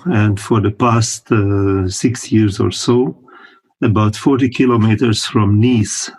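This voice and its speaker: A man in his sixties, from Hungary and speaking, answering interview questions in a calm, thoughtful way with pauses and the odd chuckle. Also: fairly low pitch, breathy edge, low-quality recording. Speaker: guest, company founder. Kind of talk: casual interview talk.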